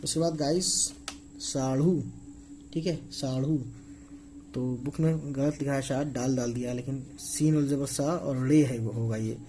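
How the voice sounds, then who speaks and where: The audio is poor and carries slight background noise, but the man's mellow, medium-pitched voice is clear enough as he slowly walks through writing words in Urdu script. It's a casual lesson: he spells each word letter by letter and keeps asking "okay."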